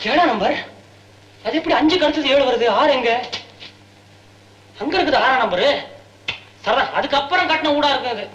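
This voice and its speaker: An actor playing a cheeky young man, a scheming comic suitor given to quick joking banter. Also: extremely high pitch, lively intonation, a bit bright, highs cut off, a little hiss or hum. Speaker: comic film character. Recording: echoey old film soundtrack.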